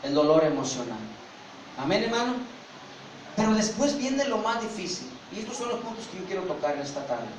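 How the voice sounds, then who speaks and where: A male pastor preaching a dramatic sermon, swinging from loud calls to hushed asides. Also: high voice, big pitch swings, a little fast. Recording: very echoey, from a distant mic, faint noise.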